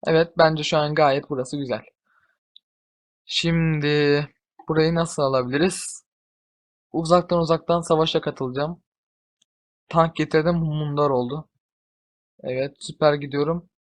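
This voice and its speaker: Excitable young man commenting on gameplay. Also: a little high, a little slow, long pauses. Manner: excitable, swears and shouts at units. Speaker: gamer.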